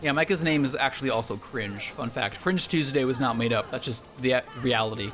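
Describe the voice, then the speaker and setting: A man's voice: medium pitch, fairly quick, fairly bright tone, soft background music. A man playing a video game and chatting with his co-host, mock-boastful and sarcastic in his jokes. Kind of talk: casual gameplay commentary.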